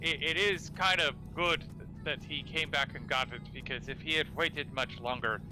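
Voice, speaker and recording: A man's voice: fairly high pitch, fairly even intonation, normal speed, over music, rough recording. A man streaming a co-op game, chatting casually and teasing in a playful put-on Russian accent. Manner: joking, teasing banter. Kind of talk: casual gaming chat.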